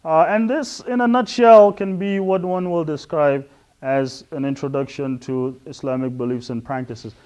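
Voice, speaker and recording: A middle-aged man from West Africa giving an earnest introductory talk on religion, explaining step by step with frequent pauses and restarts. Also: fairly high pitch, fairly even intonation, a little mellow. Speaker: Islamic lecturer.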